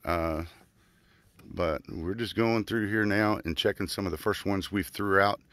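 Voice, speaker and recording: A man's voice: sits low, steady tone, measured pace, fairly bright tone, dry recording. A man in his forties hosting a casual fishing vlog from a small boat on a river, talking with lots of fillers into a handheld phone. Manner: chatty, filler-heavy, upbeat. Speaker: fishing channel host. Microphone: handheld phone camera. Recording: outdoor noise from water and boat.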